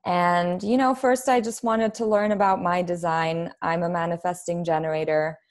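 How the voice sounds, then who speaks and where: Joining a podcast by video call from a plain room at home, a woman in her thirties from Poland chats informally and ramblingly as a human design expert. Her voice is lowish and steady, at normal speed.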